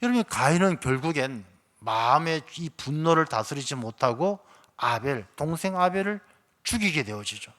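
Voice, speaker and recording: Korean pastor preaching with animated delivery. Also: male voice, fairly high pitch, moderate pace. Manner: animated preaching, acting out animal voices and quotes. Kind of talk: sermon with storytelling. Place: church sanctuary.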